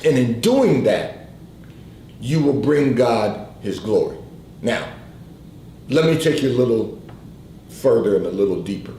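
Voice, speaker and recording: Allergies make this man hoarse as he clears his throat while hosting a faith advice livestream, delivering devotional guidance in a slow, repetitive preaching rhythm. His mid-range, mellow voice swings widely in pitch. The sound is reverberant with slight background noise.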